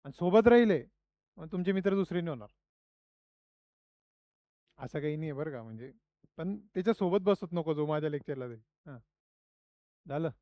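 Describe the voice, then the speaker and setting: A man's voice: a little high, expressive, brisk, long pauses, dark tone, no room sound. A middle-aged man teaching a class in a classroom, chatty and constantly asking students questions. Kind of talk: classroom lecture.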